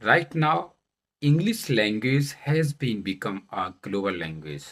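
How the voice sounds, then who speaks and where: An Indian vlogger from Madhya Pradesh, whose first language is Bundelkhandi and who went from English learner to presenter, introduces himself to the camera. He speaks slowly and deliberately in halting phrases, stressing words, with a fairly low, fairly bright voice and lively intonation.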